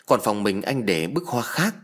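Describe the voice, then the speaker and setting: A carefree young husband who brushes off his wife's fears in a relaxed, breezy tone, as a male storyteller plays him. His voice is slightly husky and moves freely in pitch, told in an audio ghost story. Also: moderate pace. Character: cheerful easygoing young husband.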